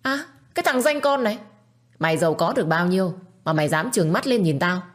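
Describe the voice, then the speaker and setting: A woman's voice: lowish voice, animated, normal speed. A woman voicing a spiteful middle-aged stepmother who screeches insults and taunts. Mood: scolding.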